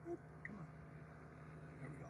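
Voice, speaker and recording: A demo pilot selling aircraft shows off a small plane's cockpit with the engine running, explaining each checklist step as he works the controls. He's relaxed and explanatory and a little slow, but he's far from the mic and the sound is very noisy.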